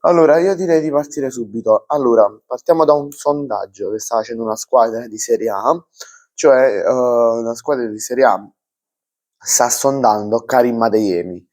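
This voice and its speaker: A man's voice: medium pitch, normal speed, darkish tone, poor audio. A young man giving an unscripted football transfer news rundown for his channel, full of fillers and restarts. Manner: hesitant, many fillers and restarts.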